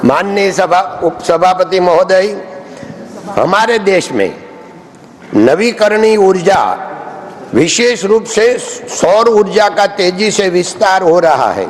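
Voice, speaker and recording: A man's voice: high-pitched, expressive, slow pace. A man, a member of parliament, reading a formal prepared speech in the chamber. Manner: formal, reads from a prepared text, recites a Sanskrit verse. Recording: long hall reverb.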